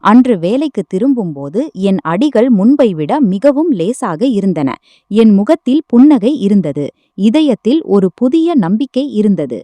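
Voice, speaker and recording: A woman tells an emotional first-person family story in a steady, scripted narration. Her voice is warm and dark in tone, and her pitch moves widely through each sentence. The recording is close and dry, with no room sound. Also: a little slow, no room sound.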